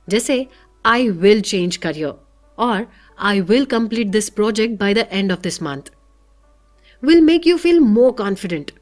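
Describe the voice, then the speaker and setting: A woman narrates a self-help book summary in a calm, motivational tone. She speaks slowly and deliberately, at a mid pitch. Soft music plays faintly underneath her voice. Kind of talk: scripted narration.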